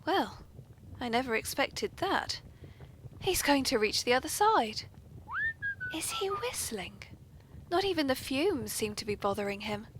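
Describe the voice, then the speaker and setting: High-pitched and sing-song with a fairly bright tone, this British woman takes her time, leaving long pauses. She hosts a comic tea-party podcast with polite, genteel, playfully arch charm, though the amateur recording is noisy and poor.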